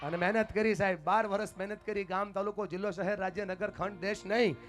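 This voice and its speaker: Motivational speaker, man, high voice, swings from quiet to loud, faint music underneath. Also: steady tone, fast. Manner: dramatic, swings from hushed to loud, addresses parents and pupils directly. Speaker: motivational speaker at a school event. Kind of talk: motivational speech with acted-out stories.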